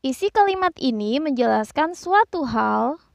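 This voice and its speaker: A woman narrating a scripted grammar lesson, explaining slowly and carefully and reading out examples. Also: sits high, lively intonation, creaky, no echo. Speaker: teacher.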